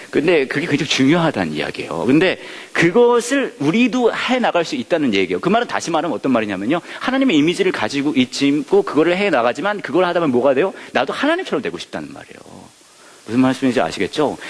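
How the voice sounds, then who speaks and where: A man's voice: a little high, big-room sound. A male pastor teaching a Bible study, who keeps asking the audience questions and joking. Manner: lively, asks the audience questions and jokes.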